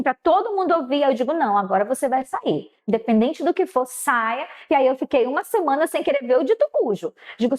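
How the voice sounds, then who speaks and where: A middle-aged woman teacher, her voice sitting high. She tells a classroom story in a casual way and acts out both sides of the dialogue with sudden jumps in pitch.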